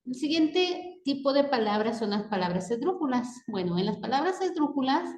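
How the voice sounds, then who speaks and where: A woman's voice: sits high, sing-song, normal speed, darkish tone. Patient woman teacher, echoey room. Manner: patient, checks in with frequent "¿sí?". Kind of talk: classroom lesson.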